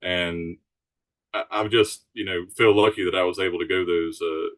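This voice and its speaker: Low-voiced, easygoing man. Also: fairly even intonation, moderate pace, a bit bright. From Alabama Gulf Coast, United States. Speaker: podcast guest, charter sailboat captain. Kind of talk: casual chat, explaining.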